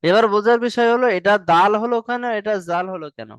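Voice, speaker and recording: Smooth-voiced man teaching letters. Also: high voice, fast talker, dry recording. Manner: patient, repeats and drills letters, stretches sounds long. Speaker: Quran reading teacher. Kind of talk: online class lesson.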